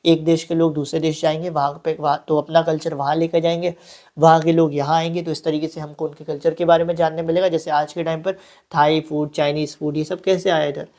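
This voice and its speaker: A young man gives a relaxed online exam-prep lecture. His voice is mellow and warm, and he keeps it conversational, slipping in English terms and breaking off for easygoing asides. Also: on the high side, brisk. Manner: chatty, mixes English terms, frequent asides and "ठीक है". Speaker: online teacher.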